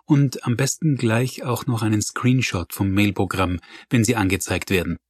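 A man's voice: on the low side, steady tone, normal speed, slightly rough, dry recording. Businesslike woman doctor, male narrator voicing her, impatient, dry close mic. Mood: brisk. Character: brisk female doctor on the phone.

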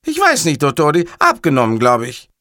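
A man's voice: fairly high pitch, wildly swooping pitch, a little fast, sharp tone, no room sound, clean studio sound, voice pushed up, heavily acted. A man voicing a bumbling, overeager male police switchboard officer who rambles in muddled sentences. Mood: flustered eager.

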